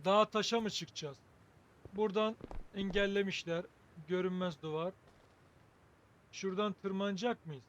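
High-voiced man doing casual gaming commentary. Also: fairly even intonation, moderate pace, long pauses, a bit bright, lo-fi sound. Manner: wry, joking, thinking aloud. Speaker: gaming video host. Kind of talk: casual game playthrough commentary.

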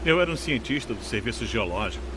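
An actor dubbing a determined scientist turned boat rescuer in an action film, with a Brazilian accent. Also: male voice, mid-range voice, lively intonation, fast talker, background noise, lightly acted. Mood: grave. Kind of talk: dubbed action film dialogue.

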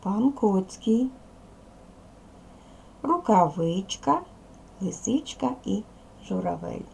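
Gravelly-voiced woman teaching children. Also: mid-range voice, lively intonation, slow, a little mellow, slight background noise. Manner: questioning, patient. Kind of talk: video lesson for children.

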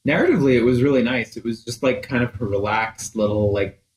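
A man's voice: medium pitch, fast talker. A young man co-hosting a let's play, chatting about the game in a laid-back way and thinking aloud as he talks. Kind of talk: casual gameplay commentary. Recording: roomy echoey mic.

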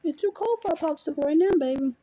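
In a small, dim bedroom at home, a mother reads a picture book aloud to her young child in a playful, sing-song way, chatting with the child as she goes. Her voice is high-pitched and fast, with lively intonation. The audio is dull and the background noisy.

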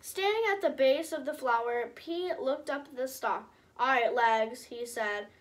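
A woman's voice: sits high, lively intonation, normal speed, slight background noise. A woman reading a rhyming picture book aloud in a sing-song way, breaking off to chat with viewers. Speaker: storybook reader.

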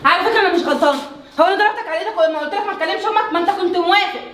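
A woman's voice: extremely high pitch, very fast, roomy sound, over a noisy crowd. Woman playing a selfish, defensive Egyptian wife. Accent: Egyptian Arabic. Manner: defensive, sharp retorts.

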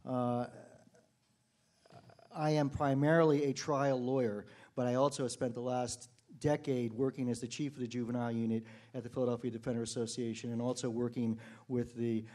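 A middle-aged man, a public defender, giving a conference keynote speech, full of restarts and growing heated and animated. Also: mid-range voice, moderate pace. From United States. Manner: frequent uh fillers and restarts, grows heated and animated.

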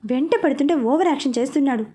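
A woman's voice: high voice, racing, mellow, close to an everyday voice. A woman voicing a sulky, playful young woman in a storybook reading, pouting and teasing.

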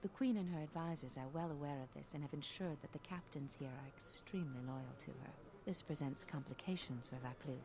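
Low-voiced, composed female conspirator. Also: crowd noise. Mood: discreetly persuasive. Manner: measured, formal. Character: composed female political conspirator offering bribes. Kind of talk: video game acting. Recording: clear background game noise.

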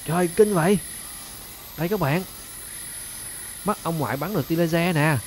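A fairly high-voiced man calls out his gameplay with lively excitement and keeps turning to his viewers. Faint ambient sound sits under his voice. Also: normal speed, slight background noise. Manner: animated, keeps addressing viewers as "các bạn ơi". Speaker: gaming channel host.

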